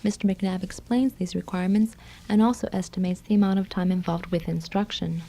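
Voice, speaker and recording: On an old reel-to-reel radio tape that sounds slightly dull, a woman hosts a radio magazine program, reading scripted announcements and introductions. Her voice is lowish and warm, fairly quick, with fairly even intonation.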